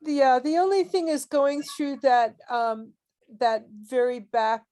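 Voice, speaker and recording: A woman on tournament staff giving relaxed, practical advice in a casual meeting. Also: high voice, slow pace. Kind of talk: casual Q&A on a video call.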